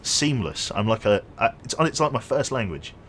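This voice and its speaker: Chatty and rambling, a young man plays a game on stream, reading chat aloud and joking with viewers. His medium-pitched voice is animated and fairly bright, at a moderate pace, over a little hiss or hum.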